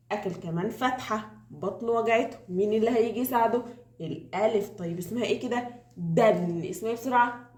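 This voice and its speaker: A woman with an Egyptian accent who teaches reading, giving tips to parents and drilling with quick repeated questions. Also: mid-range voice, echoey room. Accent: Egyptian Arabic.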